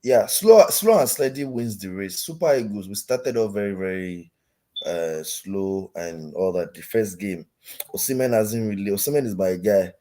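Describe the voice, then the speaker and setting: A man's voice: on the low side, lively intonation, moderate pace, dark tone. A man with a Nigerian accent chatting casually about football as a fan, often repeating phrases for emphasis. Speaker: call-in guest, football fan.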